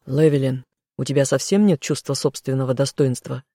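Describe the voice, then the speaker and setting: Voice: mid-range voice, fairly quick, dark tone, no echo, studio quality, close to an everyday voice. A reader voicing a hot-headed young man who insults the heroine in an audiobook. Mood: sneering. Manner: sneering, snapping.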